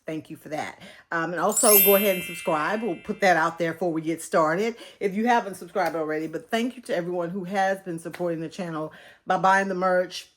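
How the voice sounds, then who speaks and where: A Texan woman in her fifties talks through a book review in a relaxed, rambling way. Her voice sits a bit low for a woman, and she calls her viewers y'all. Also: a little fast, faint music behind. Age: 50s. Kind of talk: casual book-review vlog.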